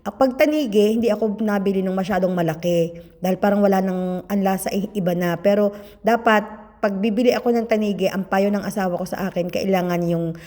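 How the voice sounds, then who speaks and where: A middle-aged Filipino woman, a little hoarse from a cold, chatting and gossiping to viewers while eating on her food vlog. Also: medium pitch, a little fast, warm tone, in a large hall. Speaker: food vlogger. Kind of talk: casual eating vlog chat.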